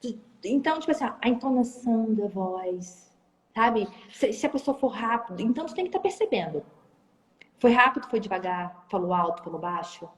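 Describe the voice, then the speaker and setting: A woman guest in a live-stream interview, with a high voice that swoops widely as she talks. She sounds animated, playing out bits of her sales calls. Her voice carries a long reverb. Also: normal speed. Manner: animated, acts out phone calls and sales talk. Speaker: entrepreneur guest. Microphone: phone or video call.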